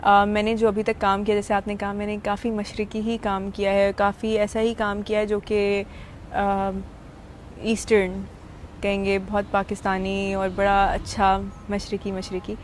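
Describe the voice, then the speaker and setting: A woman's voice: mid-range voice, completely flat delivery, measured pace, a little hiss or hum. A woman actress in an interview, telling stories in a chatty way and slipping into English phrases. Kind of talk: casual interview talk.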